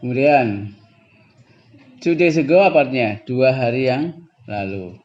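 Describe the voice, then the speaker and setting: Slow-talking man teaching English. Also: medium pitch, highs cut off. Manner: explains slowly, often drifting into chuckles, switching between two languages. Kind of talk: classroom lesson.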